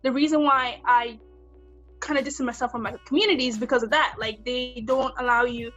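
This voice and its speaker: A woman's voice: high voice, fairly even intonation, a little fast, a bit bright, lo-fi sound, soft background music. A woman who models, co-hosting a casual podcast chat, speaking candidly and emphatically with frequent restarts.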